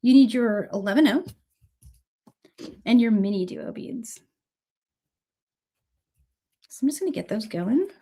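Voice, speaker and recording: A woman of thirty to forty-something leads a relaxed beading tutorial on a livestream, speaking a little slowly with long pauses. Her slightly high voice carries a cold and a stray cough, and she chats warmly, thanking viewers by name as she goes.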